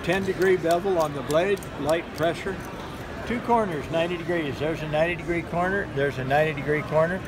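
A middle-aged man giving a knife-sharpening sales demo at a gun show, talking in steady instructive patter and repeating simple tips. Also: fairly high pitch, brisk. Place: busy indoor gun show hall. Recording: noisy crowded show floor. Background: crowd chatter.

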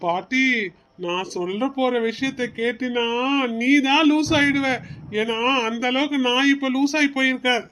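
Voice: sits high, normal speed, fairly bright tone. A performer voicing a playful young husband in a cartoon, teasing his family before the big news. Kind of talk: cartoon voice acting.

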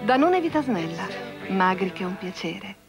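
A woman reading a scripted infomercial-style product pitch as a commercial voice-over. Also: very animated, normal speed. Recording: music under TV advert voice-over.

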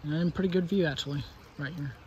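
Fairly quick and on the high side, a young man's voice comes through a muffled recording with slight background noise. He's casually vlogging on a wooded trail to a phone camera at arm's length, rambling hesitantly and using lots of fillers.

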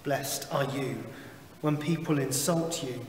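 Seated behind a lectern in a small wood-panelled chapel, a man leading worship reads scripture and prayers slowly and deliberately. A far-off camera picks up his medium-pitched voice, along with the room's echo and faint hiss or hum.

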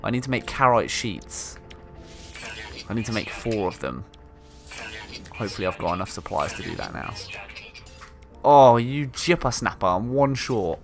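A man hosting a gaming video in a casual, excitable way, commentating and reading game text aloud. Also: fairly low pitch, moderate pace, creaky, pauses often. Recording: music behind the voice. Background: game music.

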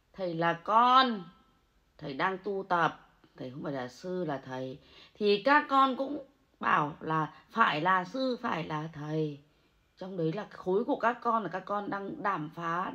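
A woman ranting angrily and scolding, swinging between low muttering and loud outbursts. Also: animated, unhurried. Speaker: angry supporter ranting online. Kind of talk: angry livestream rant. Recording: muffled lo-fi audio.

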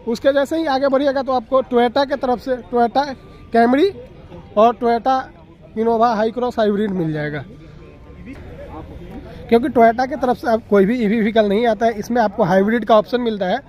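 An auto vlogger, a young man from Bihar, India, with a very high, slightly mellow voice, walks around vehicles at an outdoor expo at a normal pace for a review vlog. He chats with viewers, calling them brother, while filming on a phone held at arm's length.

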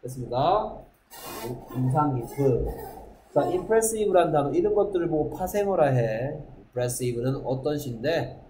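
A man's voice: fairly high pitch, animated, measured pace, mellow, slight background noise. Man, middle-aged teacher, classroom lecture, repeats words, quizzes students, echoey room, faint ambience. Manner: repeats words, asks rhetorical questions. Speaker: middle school English teacher.

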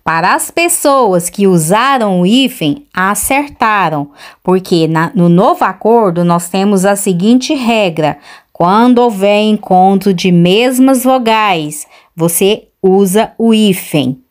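A woman's voice: mid-range voice, expressive. A Brazilian woman teacher gives a spelling dictation, then explains the answers to viewers in a chatty, questioning way. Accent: Brazilian Portuguese. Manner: slow, clear dictation with drawn-out words. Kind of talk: dictation and grammar lesson.

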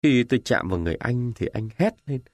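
A man narrating a war novel in the first person with dramatic, expressive delivery. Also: mid-range voice, fast, no echo, clean studio sound. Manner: expressive, emotional storytelling. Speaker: audiobook narrator.

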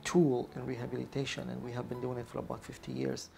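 A middle-aged man, an instructor, speaking reflectively in deliberate, halting phrases into a lapel mic. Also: mid-range voice, completely flat delivery, gravelly, warm tone, faint music behind. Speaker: vision rehabilitation instructor. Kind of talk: reflective interview talk and narration. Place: small office.

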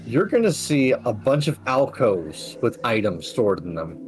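Guy running a tabletop game online, medium pitch, bit of background noise. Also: sing-song, a little slow. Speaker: game master.

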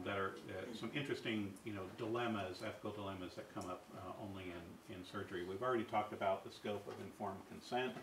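A middle-aged man giving a university ethics lecture, halting with many fillers and restarts and asking the audience rhetorical questions. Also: lowish voice, a bit bright, a little hiss or hum. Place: lecture hall. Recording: echoey hall recorded from far off.

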